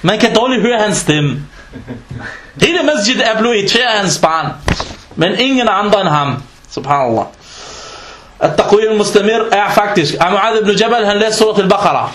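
A man preaching a humorous sermon in a mosque, telling stories with lively rhetorical questions and scattered Arabic religious terms. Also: high voice, reverberant, a little hiss or hum. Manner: animated storytelling with rhetorical questions.

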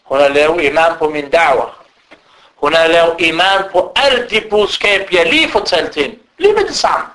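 A man giving an animated sermon as a preacher, breaking into recited Arabic quotations. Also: a little high, low-quality recording. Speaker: Islamic preacher.

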